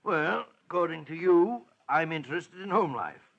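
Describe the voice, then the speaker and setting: An actor playing a genial, fussy English doctor, a detective's loyal companion, in avuncular 1940s radio drama style. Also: male voice, on the high side, animated, normal speed, gravelly, a bit bright, highs cut off, heavily acted. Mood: jovial. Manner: chuckling, avuncular, blustery.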